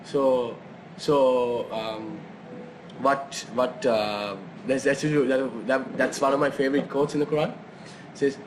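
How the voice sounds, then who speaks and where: A man's voice: medium pitch, fairly even intonation, unhurried. A man from Saudi Arabia hosting a casual conversation, rambling with many fillers and restarts. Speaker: host. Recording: noisy background.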